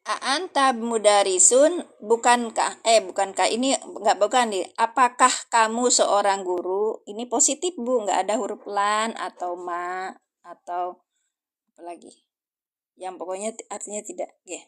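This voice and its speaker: A woman's voice: mid-range voice, fairly even intonation. Chatty woman teaching a live stream. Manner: chatty, slows down to spell out Arabic examples, answers viewers' comments. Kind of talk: casual livestream lesson.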